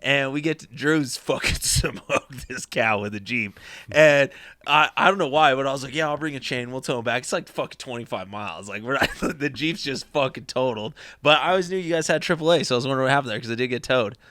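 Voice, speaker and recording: A man's voice: mid-range voice, brisk, bright, forceful tone, dry recording, studio quality. An American man co-hosting a podcast, telling stories loosely in casual chat and swearing freely. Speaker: podcast co-host.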